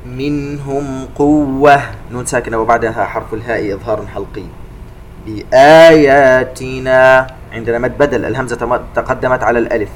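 A man giving a tajweed lesson, calmly explaining recitation rules between slow chanted verses. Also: mid-range voice, a little hiss or hum. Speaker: Quran recitation teacher.

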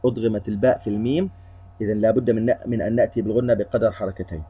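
A man's voice: lowish voice, very fast, breathy edge. A man giving a tajweed lesson, explaining recitation rules methodically and point by point. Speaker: Quran recitation teacher. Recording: dull lo-fi recording.

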